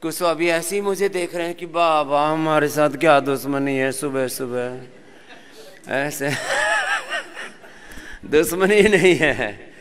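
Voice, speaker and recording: A man leads a yoga class in a high, ringing voice, lively and playful with his students. His tone is crisp and smooth as he gives instructions and talks on health. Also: unhurried. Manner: lively, sings verses, jokes with class. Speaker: yoga teacher.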